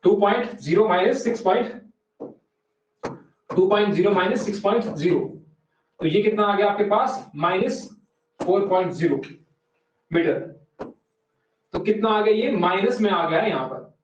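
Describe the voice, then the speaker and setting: A man teaching an online exam-prep class, explaining step by step, often quizzing students, and reading English definitions out very slowly. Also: sits high, slight background noise. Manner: explains step by step, keeps asking students questions. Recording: very echoey room, voice from far off, dull sound.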